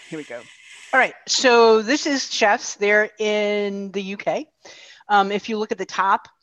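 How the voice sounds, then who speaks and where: Over a headset on a video call from her home, a middle-aged co-host keeps a casual conversation going in a friendly, chatty way, leaning heavily on fillers. Her voice sits at medium pitch with a fairly bright tone and no room sound, though the audio itself is dull and dry.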